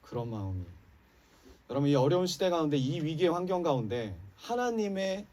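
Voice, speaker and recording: His voice sits on the high side, a little fast and slightly mellow, swinging widely in pitch. The pastor delivers an impassioned Sunday sermon straight to his congregation in the sanctuary, with emphatic rises and drops, recorded from a distance.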